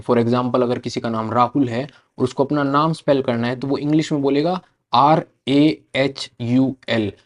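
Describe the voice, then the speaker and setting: A man teaching a language lesson, slowly saying each letter two or three times in a clear, patient way. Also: mid-range voice, darkish tone. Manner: repeats each letter slowly and clearly, mixing Hindi and English. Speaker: Spanish teacher.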